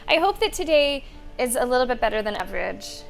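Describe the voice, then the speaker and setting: High-voiced chatty woman game streamer. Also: very animated, brisk, gravelly. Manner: chatty, thanks and addresses viewers. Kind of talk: casual live playthrough commentary. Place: voice over game audio. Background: faint game music.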